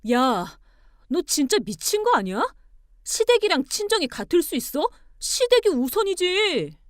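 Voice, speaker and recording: A woman voicing an angry young husband who shouts and bullies his wife. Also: fairly high pitch, expressive, normal speed, no room sound, clean studio sound, close to an everyday voice. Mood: angry shouting. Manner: shouting, indignant, stammering when cornered.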